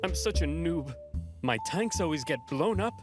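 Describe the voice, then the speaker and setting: A man's voice: on the high side, expressive, normal speed, over music, natural voice. A man voicing an insecure, eager Roman sidekick in a cartoon comedy skit, whiny and slangy.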